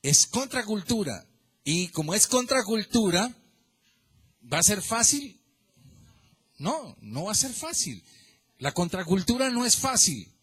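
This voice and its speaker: Animated Colombian pastor preaching. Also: male voice, high-pitched, a little slow, long pauses, breathy edge. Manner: animated, addresses listeners by name, asks rhetorical questions. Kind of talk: sermon.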